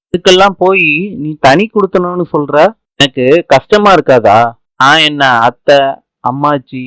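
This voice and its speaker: A shy, affectionate young husband who talks gently and pleads, read out by a man. His voice is on the higher side and dry, with no echo. The tone stays soft and coaxing. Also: natural voice. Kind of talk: serial recap narration.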